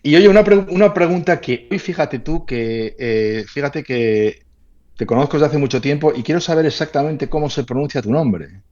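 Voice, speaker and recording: Male interview host, halting and full of fillers, muffled lo-fi audio. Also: on the high side, lively intonation, a little mellow. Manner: hesitant, many fillers and restarts. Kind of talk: casual interview.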